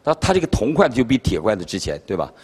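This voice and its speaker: Older Chinese male pastor, animated story-driven sermon, lively pitch, long hall reverb. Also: fast, husky. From China. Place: conference hall.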